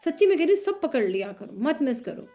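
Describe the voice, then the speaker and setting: A woman chatting casually with friends, slipping into lively voices as she retells conversations. Her voice sits a little high, with a mellow, soft tone. Faint music plays underneath. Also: fast talker. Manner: animated storyteller acting out dialogue. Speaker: tarot student. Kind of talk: casual chat.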